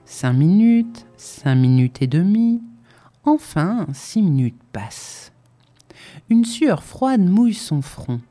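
A woman reads a story aloud with slow, measured, dramatic delivery. Her voice is mellow and low, with lively, sweeping pitch. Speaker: narrator. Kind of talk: expressive storybook reading.

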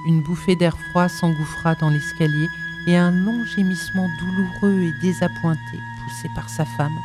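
A woman reading a horror story aloud in a hushed, suspenseful way. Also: lowish voice, steady tone, normal speed, music in the background. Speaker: narrator.

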